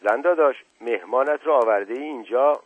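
A man's voice: medium pitch, breathy edge, no echo, lightly acted. A man voicing a composed, imposing nobleman in an audiobook, recorded with a tinny sound. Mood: commanding. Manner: composed and commanding. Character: calm, imposing older nobleman. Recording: tinny, dry, phone-like sound.

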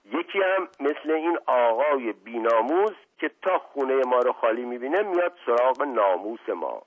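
A man voicing a coarse, hot-tempered butcher who talks in rough street slang. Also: mid-range voice, animated. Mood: indignant. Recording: tinny phone-like audio.

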